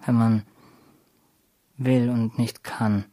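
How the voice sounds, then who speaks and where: An actor in a radio play voicing a bitter, lonely young soldier who speaks in a brooding, clipped way and often whispers. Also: male voice, mid-range voice, little pitch movement, extremely slow, warm tone. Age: young adult.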